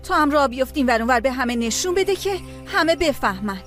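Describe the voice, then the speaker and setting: A snappy irritated girl in a tv drama, high voice, music behind. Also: expressive, a bit bright. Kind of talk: TV drama dubbed dialogue.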